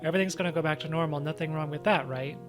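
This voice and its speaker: [name], a voice actor doing a soft-spoken monster guy. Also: medium pitch, racing, close to an everyday voice. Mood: gentle, wistful. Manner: casual, slangy, soft-spoken when sentimental. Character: gruff, tender monster man, big-hearted tough guy.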